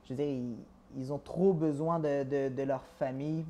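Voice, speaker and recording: A man from France talks through his answers in a casual interview, pausing and restarting often. His voice is dark and mellow, and his pitch sits in the middle. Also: fairly even intonation, slight background noise. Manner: hesitant, full of fillers and restarts.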